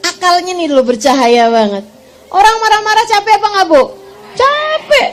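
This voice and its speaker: High-voiced woman giving a lively sermon. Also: quick pace, faint music behind. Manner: animated storytelling with rhetorical questions to the audience. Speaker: religious teacher. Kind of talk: sermon to women.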